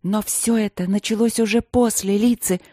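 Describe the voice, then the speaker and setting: A woman reading a novel aloud, voicing a desperate, furious queen who shouts and sobs accusations at her husband. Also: mid-range voice, steady tone, moderate pace, no echo, studio quality, voice pushed up, natural voice. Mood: bitter.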